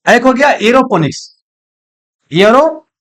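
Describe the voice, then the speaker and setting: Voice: medium pitch, expressive, moderate pace. A teacher gives a recorded exam-coaching lecture, asking questions aloud and answering them, repeating key terms and calling students "babu". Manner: folksy, calls students "babu".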